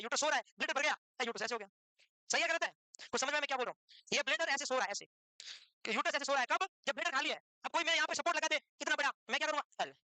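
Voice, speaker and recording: A man's voice: extremely high pitch, bright, forceful tone, no echo. A man lecturing a nursing class live, teasing students and firing questions at them.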